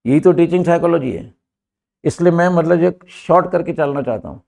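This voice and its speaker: In this classroom English lesson, an older man speaking with an Indian accent keeps asking his class emphatic rhetorical questions. A far-off camera picks up his slightly high, somewhat darkish voice, which has vocal fry and moves a little fast.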